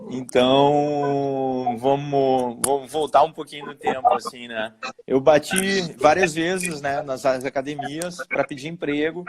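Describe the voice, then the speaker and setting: A personal trainer from Brazil tells his story casually over crowd noise, his medium-pitched voice unhurried. He's an animated storyteller who acts out the dialogue.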